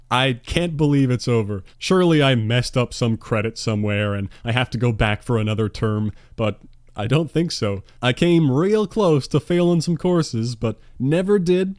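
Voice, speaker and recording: A man's voice: medium pitch, a little mellow, no room sound. A man in his twenties, a gaming YouTuber answering viewer questions in a casual monologue, with dry, sarcastic, self-mocking humor, recorded at home on a dynamic studio mic. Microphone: dynamic studio mic on a stand.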